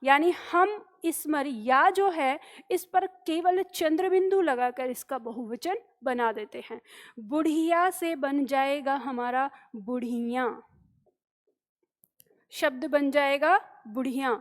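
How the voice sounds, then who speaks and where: A woman's voice: high-pitched, takes it slowly. A woman teaching a grammar lesson, patiently explaining rules, repeating example words and checking in with her students.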